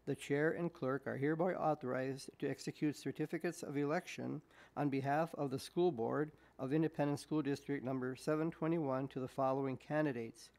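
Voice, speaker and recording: A man reading official resolutions aloud at a school board meeting in a measured, deliberate way, speaking into a desk microphone in a meeting room. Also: mid-range voice, fairly even intonation, a little mellow.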